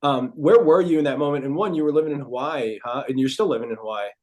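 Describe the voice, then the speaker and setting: A man's voice: medium pitch, fast, darkish tone. A man hosting a podcast interview, upbeat and enthusiastic in casual chat. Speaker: podcast host.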